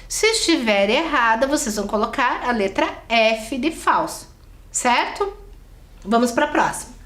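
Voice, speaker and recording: A woman with a Brazilian Portuguese accent, a teacher giving a recorded video lesson for children, coaxing her pupils with questions. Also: fairly high pitch. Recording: echoey room.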